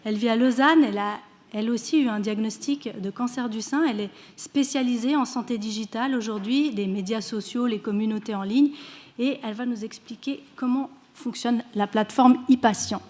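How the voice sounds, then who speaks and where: A woman moderator at a conference, introducing the next speaker in a plain, measured way. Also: on the high side, darkish tone. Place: conference hall.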